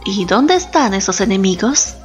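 A woman voicing a stern, commanding male Inca emperor in a solemn, authoritative tone, with soft music behind. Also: medium pitch, very animated, moderate pace, voice pushed down, lightly acted. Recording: slightly dull, soft background music.

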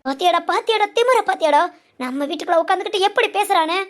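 A woman voicing a spiteful village mother-in-law in a family cartoon, scolding and mocking fast. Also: very high voice, animated. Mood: indignant. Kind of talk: animated family cartoon dub.

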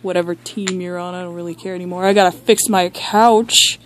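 A girl voicing a boastful, deadpan dad toy who hosts a chaotic talk show in an amateur toy skit. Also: fairly low pitch, slight background noise, lightly acted. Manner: slow, boastful, deadpan rambling. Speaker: talk show host figure.

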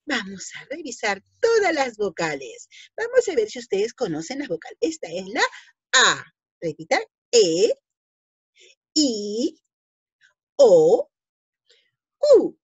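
A hoarse woman teaching young children in an online lesson, drawing out her words slowly and playfully. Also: on the high side, huge pitch swings, dry recording. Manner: slow, sing-song, drawn-out words for small children. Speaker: preschool teacher. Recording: dull, lo-fi home video audio.

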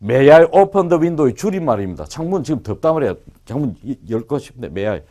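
A man teaches English to students in a lecture room. His voice leaps around as he talks, playful and teasing. He keeps throwing quick questions at the class. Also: medium pitch. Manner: animated and joking, quizzes the class.

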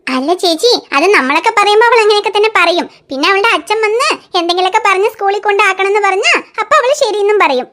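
A woman's voice: very high-pitched, lively intonation, quick pace, hardly any pauses, a bit bright. A woman voicing a firm, matter-of-fact young mother in a cartoon. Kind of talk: cartoon voice acting.

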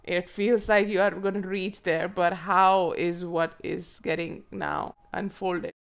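A woman with a hoarse, froggy voice from a cold, reading tarot to viewers in an unhurried, musing way and asking herself questions aloud. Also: lowish voice, steady tone. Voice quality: froggy, croaky throat. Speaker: tarot reader and channel host. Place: indoors at a table.

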